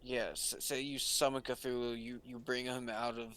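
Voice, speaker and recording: A man's voice: medium pitch, flat delivery, moderate pace, bright, forceful tone, slight background noise. A man co-hosting a casual podcast chat, explaining things in a rambling way with restarts. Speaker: podcast co-host.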